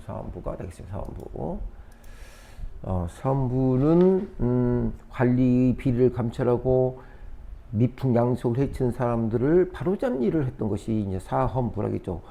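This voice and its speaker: Teacher, male, husky low-key timbre, animated delivery, exam review, repetitive. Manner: repetitive, lively, thinking aloud with fillers. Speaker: history teacher.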